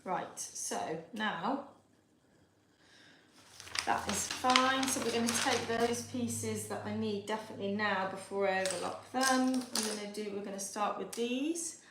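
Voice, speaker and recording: A woman's voice: medium pitch, unhurried. A woman with a Yorkshire accent hosting a live sewing tutorial from her kitchen, chatting and thinking aloud as she works. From Yorkshire, England. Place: home kitchen. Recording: echoey kitchen with background noise.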